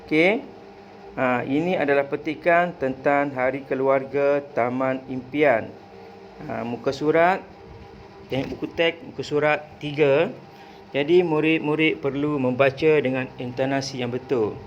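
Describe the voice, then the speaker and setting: A male primary school teacher, giving a clear, explanatory recorded lesson with "ah" fillers. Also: mid-range voice, steady tone, measured pace, muffled recording, slight background noise.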